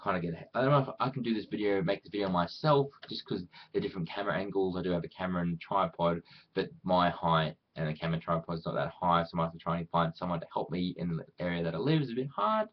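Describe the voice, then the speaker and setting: Fast and lively in intonation, his low-pitched Australian voice still sounds dull in the audio. As a vlogger chatting to viewers, he meanders, jokes at his own expense, and plays out imagined lines of dialogue.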